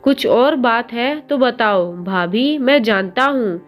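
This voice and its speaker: A teenage schoolboy pleads through sobs in a slow, choked storybook voice, read by a woman. The voice sits fairly high, with soft music playing faintly underneath. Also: highs cut off. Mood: tearful. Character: tearful teenage schoolboy begging his sister-in-law.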